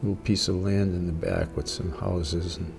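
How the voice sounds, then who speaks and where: An older man giving a casual watercolor tutorial as a gentle, encouraging, unhurried painting instructor. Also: low voice, level tone, gravelly, music in the background.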